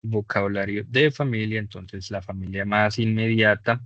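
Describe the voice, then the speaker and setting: A man teaches a beginner English lesson in a fairly low voice. He explains patiently and slows down to model the English examples. The recording is dry and a little dull, like a basic computer mic. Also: steady tone, fairly bright tone, no echo. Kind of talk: online class lesson.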